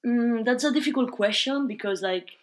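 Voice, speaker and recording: A woman's voice: a little high, normal speed. Young woman, chatty guest. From Spain. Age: young adult. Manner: chatty, fillers like "like" and "you know". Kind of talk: casual interview.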